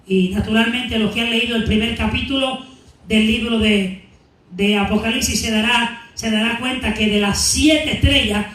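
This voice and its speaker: A man preaching a Bible teaching to his congregation, asking them questions and answering them himself, and reading scripture slowly and deliberately. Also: extremely high pitch, sharp tone. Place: church sanctuary. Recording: echoey church hall, mic at a distance.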